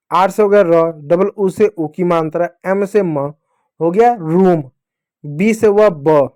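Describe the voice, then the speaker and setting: A man's voice: high-pitched, mellow. Man teaching English spelling. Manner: spells words letter by letter, repeats answers; addresses the class as children. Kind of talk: spelling lesson for kids.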